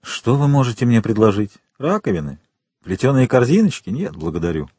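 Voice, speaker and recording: An adult man voicing a rich, mysterious count with measured, restrained speech in a storybook reading. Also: medium pitch, very animated, a little mellow, slightly rough, no echo. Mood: calm. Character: wealthy mysterious count, calm and commanding.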